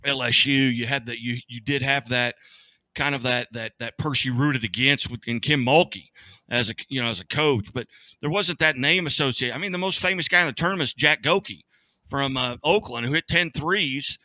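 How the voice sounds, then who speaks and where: A man's voice: medium pitch, moderate pace, sharp tone, dry recording, rough recording. A man co-hosting a casual sports talk show, enthusiastic and rambling with frequent restarts. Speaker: co-host. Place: cafe studio.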